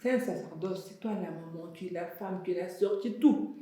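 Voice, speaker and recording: A woman's voice: on the low side, brisk, dark tone, slight background noise. A young woman from Senegal and Benin, a fashion entrepreneur, talking frankly and animatedly as a guest in a studio interview, with many hesitations. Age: young adult. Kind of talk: casual interview talk. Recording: very echoey room, distant mic.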